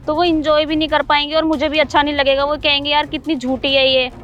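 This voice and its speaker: A woman's voice: sits high, little pitch movement, fast, fairly bright tone, highs cut off. A woman acting a defiant, argumentative wife in a scripted drama. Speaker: scheming wife in a short drama. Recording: faint background music.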